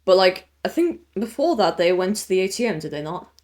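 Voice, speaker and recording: A man co-hosting a podcast in relaxed, casual chat, laughing often and using lots of fillers. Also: sits high, fairly quick. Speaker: podcast co-host.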